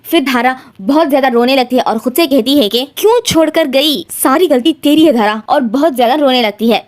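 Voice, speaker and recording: A woman narrating a recap of a TV serial episode, recounting each character's lines in turn and lightly acting the quoted lines. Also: high-pitched.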